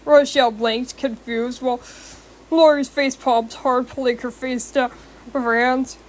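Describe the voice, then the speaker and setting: A woman's voice: high-pitched, fairly even intonation, unhurried. A young woman with a sore throat reading a fan-fiction story aloud, often stumbling and correcting herself. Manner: stumbling, rereads and corrects words.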